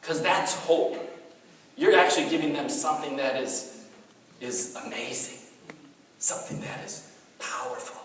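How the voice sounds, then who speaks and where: A middle-aged male pastor giving a sermon in an animated, conversational storytelling way, with many asides. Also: on the high side, measured pace, pauses often. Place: church hall. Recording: echoey hall, mic far off, faint noise.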